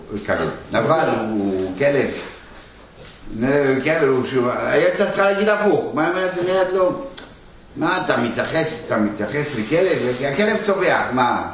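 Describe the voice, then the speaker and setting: A man teaching a Bible lesson to a class, talking haltingly with many restarts and fillers. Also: mid-range voice, very echoey, muffled recording, a little hiss or hum. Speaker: Torah teacher.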